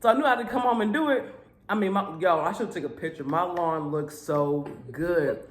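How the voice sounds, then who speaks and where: A woman hosting a casual eating vlog at home, telling stories with an animated, drawling, laughing manner. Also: fairly low pitch, fairly quick. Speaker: vlog host. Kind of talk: casual chat while eating. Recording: echoey room.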